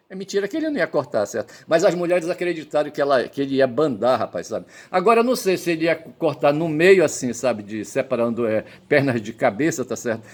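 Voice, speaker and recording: A middle-aged man telling a story in a rambling, casual way, tagging his sentences with checks for agreement. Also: mid-range voice. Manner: rambling, constant "right?" tags and filler. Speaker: vlogger.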